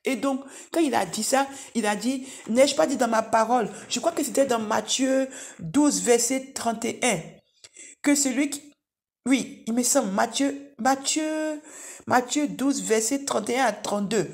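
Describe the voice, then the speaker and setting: A middle-aged woman giving a spoken church testimony, telling a vision in animated, repetitive storytelling and calling her listeners beloved. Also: fairly high pitch, unhurried.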